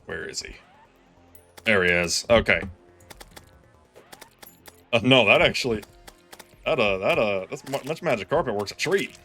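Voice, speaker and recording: Excitable low-voiced man streaming a game. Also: measured pace, long pauses, soft background music. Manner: self-deprecating, excitable, groans and pleads at the game. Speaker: gaming streamer. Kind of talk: live gameplay commentary.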